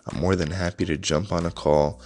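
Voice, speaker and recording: A man's voice: low-pitched, steady tone, brisk, a little mellow. A man from Ukraine in his thirties hosting a solo podcast, talking off the cuff in a reflective, motivational way, rambling with lots of "I mean" and "you know.". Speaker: podcast host. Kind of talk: unscripted solo podcast monologue.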